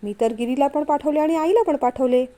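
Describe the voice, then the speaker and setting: A woman reads out a young husband who teases and coaxes his shy wife. The voice stays high and mellow, with an easy storybook tone. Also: fairly quick. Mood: coaxing. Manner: teasing, coaxing. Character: affectionate playful young husband. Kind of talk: storytelling read-aloud.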